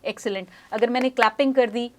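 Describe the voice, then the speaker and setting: Studio में समझाती हुई महिला speech pathologist. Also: female voice, a little high, steady tone, fast talker. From Pakistan. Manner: explanatory, uses examples, mixes English phrases. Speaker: speech pathologist guest. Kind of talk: studio interview, explaining. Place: news studio.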